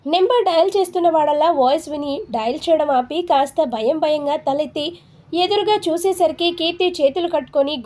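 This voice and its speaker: High-voiced, mellow woman storyteller. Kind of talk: scripted story narration.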